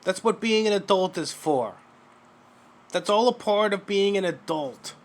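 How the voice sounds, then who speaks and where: A man's voice: sits high, lively intonation, unhurried. A man giving mocking reaction commentary, sarcastic and profane, lecturing the person in a clip.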